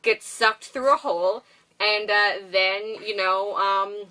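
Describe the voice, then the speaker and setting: A woman's voice: medium pitch, steady tone, takes it slowly, bright, forceful tone, far from the mic. A woman casually reviewing a movie in a chatty, giggly way, full of fillers. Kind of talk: casual chat.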